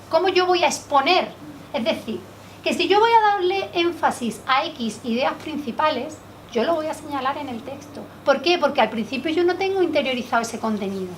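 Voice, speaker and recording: A woman from Spain leading a public speaking workshop in a training room, lively and quizzing the group with questions. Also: high-pitched. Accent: Spanish from Spain. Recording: distant mic, faint background noise.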